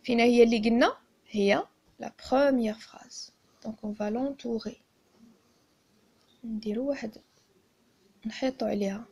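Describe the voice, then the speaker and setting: Moroccan lady teacher, high voice, goes slow n repeats the key words. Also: fairly even intonation, a little mellow, breathy edge. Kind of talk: classroom-style grammar lesson.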